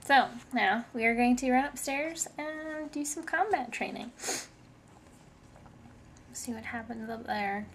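A woman rambles chattily over her gameplay, now and then dropping to a murmur. Her voice sits high with a gravelly fry. Faint game ambience hums behind. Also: measured pace, long pauses, a bit bright, a little hiss or hum. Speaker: gaming video host. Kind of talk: casual gameplay commentary.

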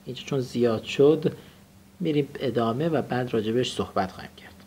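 A young man leads a classroom lesson, walking through grammar points and drilling his students with repeated phrases. His voice sits at an ordinary middle pitch. A faint hiss runs underneath. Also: a little mellow. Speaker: English teacher.

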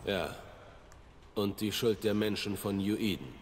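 An actor playing a grave, weary male ghost hunter in a video game, speaking in a measured, solemn way. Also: fairly low pitch. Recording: noisy game audio with ambience.

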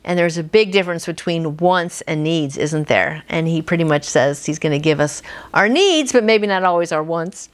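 A woman in her fifties with a deep voice reads a devotional aloud at a moderate pace. She hosts from a small furnished room at home, sounding earnest and conversational.

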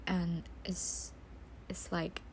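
Speaking in an unhurried, soft manner with non-native phrasing, this young female vlogger delivers reflective narration on the low side with little pitch movement. A studio voice-over mic captures her, a music bed plays underneath, and there's a little hiss or hum.

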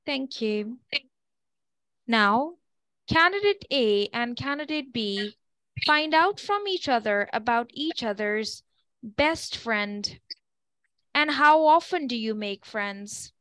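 A woman examiner with a high, smooth voice reads out scripted test questions. Her delivery is slow and stilted, with the formal feel of a textbook dialogue. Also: expressive, sharp tone, no room sound.

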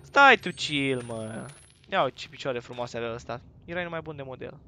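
A young man from Romania commentating a horror game he is playing, with crude jokes and sudden loud yells at the screen. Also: mid-range voice, slight background noise. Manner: crude joking banter, bursts into loud yelling at the game. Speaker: gaming YouTuber.

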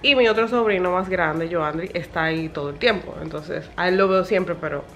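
A woman's voice: fairly low pitch, brisk, fairly bright tone, a little hiss or hum, low-quality recording. A young woman chatting casually in a vlog, doting and playful. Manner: chatty, doting, switches into baby talk. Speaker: vlogger.

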